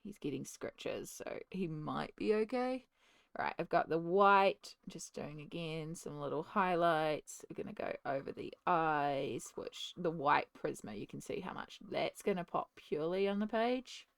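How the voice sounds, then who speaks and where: Chatty woman with a low, dry voice. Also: expressive, unhurried, gravelly, no echo. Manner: chatty, narrates each step while working; talks one-handed with a cat in her lap. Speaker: art channel host. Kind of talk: casual narration while colouring. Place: home art desk. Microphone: desk microphone.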